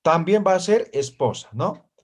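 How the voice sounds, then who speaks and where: A man teaching a language class over a video call, slowly repeating words and checking in with his students. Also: high voice, very animated. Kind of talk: online class teaching vocabulary.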